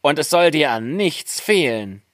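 A man voicing a group of little male dwarfs in a storybook reading, with a high squeaky voice. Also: sing-song, measured pace, a bit bright, dry recording, clean studio sound. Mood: friendly.

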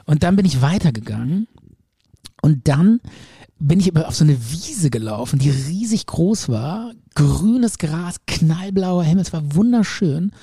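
A man with a slightly high, dark and husky voice chats casually, recounting a dream in a lively way. He slips into the voices of the people in his story. The sound is dry and close, with no room around it. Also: unhurried, no echo. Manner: lively storyteller who acts out quoted speech. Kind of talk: casual chat, retelling a dream.

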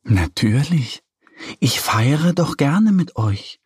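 Kindly little moon man from a storybook, gentle and curious, husky low-key voice, as a man puts him on. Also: big pitch swings, takes it slowly, no room sound, heavily acted.

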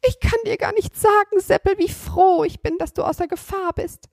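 A woman voicing a kind old grandmother who speaks softly and gently. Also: fairly even intonation, normal speed, vocal fry, dry recording, clean studio sound. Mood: gentle, tender. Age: older. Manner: soft and gentle, very high.

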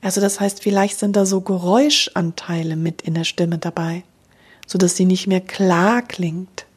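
Husky-voiced woman teaching voice. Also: fairly low pitch, normal speed. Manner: calm, explanatory, addresses listener directly. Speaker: voice coach. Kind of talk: spoken voice lesson.

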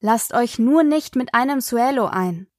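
A woman reading an audiobook, voicing a calm, dryly joking mother. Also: fairly high pitch, unhurried, no echo, clean studio sound. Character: wry, patient mother driving her daughters.

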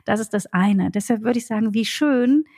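A woman voice coach explaining calmly and reflectively in a podcast conversation, laughing now and then. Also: on the high side, moderate pace, creaky, slightly rough.

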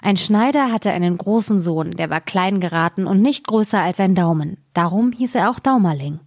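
A woman reading a fairy tale aloud in a calm, measured way as storyteller. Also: mid-range voice, dry recording, studio quality.

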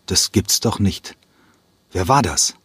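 A man reading an audiobook and voicing a hot-tempered male ballet choreographer who yells in fury. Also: lively intonation, takes it slowly, slightly rough, no room sound, full character voice. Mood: angry. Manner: yelling in fury, rising high. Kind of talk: audiobook character voice.

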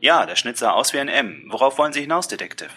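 A man's voice: medium pitch, animated, fast talker, bright, forceful tone, breathy edge, pitched above the performer's own voice. A man voicing a matter-of-fact male coroner explaining findings on the phone in an audiobook. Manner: dry, factual.

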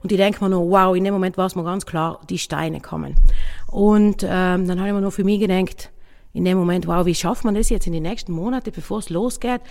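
A woman innkeeper with a South Tyrolean German accent, telling her own story in a halting, casual way, often searching for words. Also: on the low side, steady tone, a little mellow, in a large hall. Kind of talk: personal account, casual spoken.

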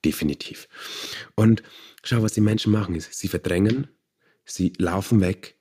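Guy w a low husky voice, calm, explains meditation stuff slowly. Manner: calm, searching for words, explanatory. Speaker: meditation teacher and author. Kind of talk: interview conversation.

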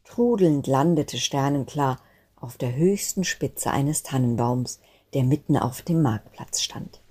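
A woman narrating a Christmas children's story in a gentle, expressive reading manner. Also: a bass voice, slow pace, husky. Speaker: guest storyteller.

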